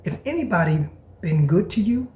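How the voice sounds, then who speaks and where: A man's voice: high voice, very animated, normal speed. Emphatic preacherly man, echoey room. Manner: emphatic and preacherly, repeats lines, drops to hushed whispers. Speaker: podcast host. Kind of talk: preacher-style podcast monologue, reading aloud.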